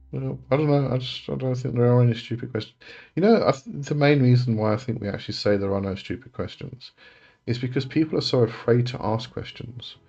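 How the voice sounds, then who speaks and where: Answering viewer questions on a relaxed live chat, this forties-aged man from England has a medium-pitched, gravelly, warm voice and speaks fairly quickly. He rambles, self-corrects, and laughs a lot; the audio has its highs cut off and soft music in the background.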